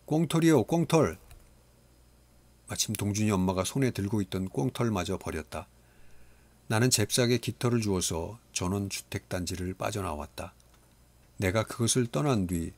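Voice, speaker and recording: A man narrating an audiobook in a steady, measured storytelling voice. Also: deep voice. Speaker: audiobook reader.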